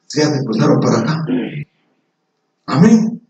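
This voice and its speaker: A male pastor preaching a sermon in an animated way, calling his listeners "brother" again and again. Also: mid-range voice, measured pace. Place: church service before a congregation. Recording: echoey church hall, mic far off, dull lo-fi sound, congregation audible.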